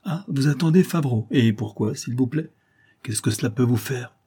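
A man's voice: mid-range voice, expressive, moderate pace, warm tone, slightly rough, pitched above the performer's own voice. A man voicing a cynical, mocking female adventuress in a read-aloud adventure story, with a biting, sarcastic delivery. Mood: defiant.

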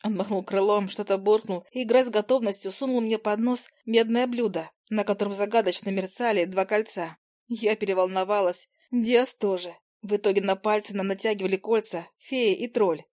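A woman narrating a first-person fantasy story as an audiobook, lively storytelling. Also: medium pitch, moderate pace, no room sound, clean studio sound.

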